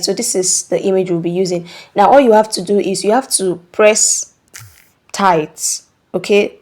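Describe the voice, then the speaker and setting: Lady explaining an app step by step, warm mellow voice, keeps asking "okay?". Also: medium pitch. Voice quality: instructive, repeats "okay?" to check in. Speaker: tutorial host. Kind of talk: screen-recording tutorial.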